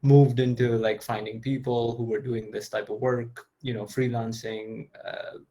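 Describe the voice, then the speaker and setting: A man talks relaxed and wry as a guest on an online design panel. His pitch stays quite flat, with a gravelly texture running through it. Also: a little slow. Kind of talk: casual panel discussion. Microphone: video call.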